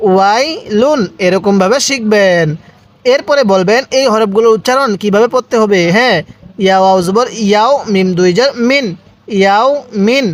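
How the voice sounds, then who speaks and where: A man from Bangladesh with a high-pitched voice teaches Quran reading a little fast, step by step. He spells out letters and vowel marks, stretches the long syllables, and has the listener repeat after him.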